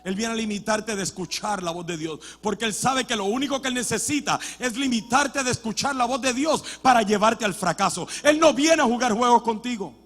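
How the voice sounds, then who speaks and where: A man preaching a sermon as a pastor, switching between Spanish and English, restarting words often and swinging from quiet talk to loud shouting. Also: very high voice, in a large hall. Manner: builds to loud shouted passages, then drops to quiet. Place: church sanctuary.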